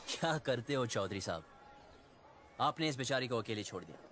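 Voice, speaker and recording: A man's voice: medium pitch, animated, normal speed, noisy background, close to an everyday voice. An actor playing an earnest man who helps search for a runaway couple. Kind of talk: Hindi film acting. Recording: film audio with loud background score.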